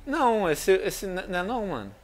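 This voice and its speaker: A man hosting a gaming video, chatting casually with friends and laughing often. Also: brisk. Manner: excitable, laughs often, lively swings in pitch. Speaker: gaming channel host. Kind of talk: casual gameplay chat with friends.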